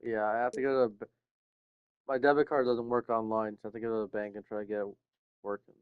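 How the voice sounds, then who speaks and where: Relaxed man joking with friends, dry sound. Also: fairly low pitch, quick pace, smooth, dry recording, phone-quality sound. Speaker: gamer chatting with friends. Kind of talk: casual chat.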